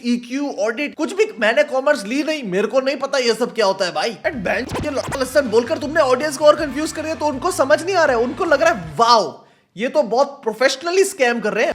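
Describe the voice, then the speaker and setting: A man's voice: very high voice, fairly bright tone. A young man doing sarcastic reaction commentary, switching between Hindi and English. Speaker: YouTube commentator.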